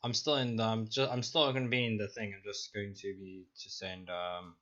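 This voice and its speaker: A man's voice: lowish voice, level tone, normal speed, a bit bright, muffled recording. A young man narrating as dungeon master on a stream, talking in a loose, rambling, self-mocking way. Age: young adult. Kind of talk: narrating a tabletop game on stream.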